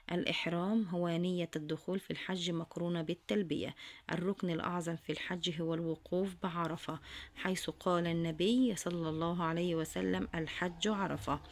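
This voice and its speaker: A woman's voice: on the low side, creaky. A woman teacher with an Egyptian accent, reading workbook answers aloud and repeating each one for her students, whom she addresses fondly. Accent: Egyptian Arabic. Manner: reads questions then answers in a dictating tone.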